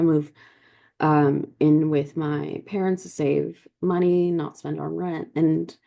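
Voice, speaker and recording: This podcast host is a Colombian woman in her twenties whose voice sits low and dark, with vocal fry. She tells personal stories casually and thoughtfully, and "like" keeps slipping into her informal talk.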